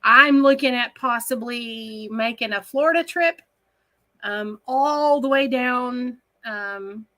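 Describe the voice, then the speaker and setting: A woman co-hosting a casual live stream, chatty and quick to laugh, reading out viewers' messages. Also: on the high side, pushed and bright.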